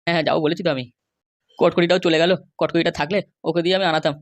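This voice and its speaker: Racing along in a steady, somewhat high voice close to his everyday speech, a man performs a henpecked middle-aged cartoon husband from West Bengal. The character wheedles, pleads and grumbles for comic effect, and the recording is dry.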